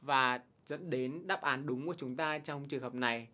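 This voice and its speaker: Guy w/ teaching english on tv, calm and clear, says english words slow and stressed over and over, medium pitch voice. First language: Vietnamese. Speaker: TOEIC teacher. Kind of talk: televised English lesson, explaining answers and modeling pronunciation.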